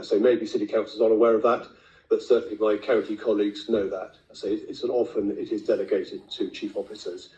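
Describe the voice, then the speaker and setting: A man with a hoarse, raspy, failing voice, speaking bluntly as a councillor at a formal meeting. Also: lowish voice, mellow. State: losing his voice. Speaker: county councillor. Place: indoor council meeting room. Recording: echoey meeting room, muffled lo-fi sound.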